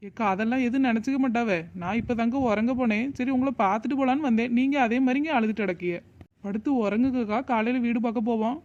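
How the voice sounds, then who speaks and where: A woman's voice: a little high, quick pace, a little mellow, lo-fi sound, slight background noise, natural voice. A woman voicing a cheerful young neighbour in a cartoon, chatty and reassuring. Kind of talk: cartoon voice acting.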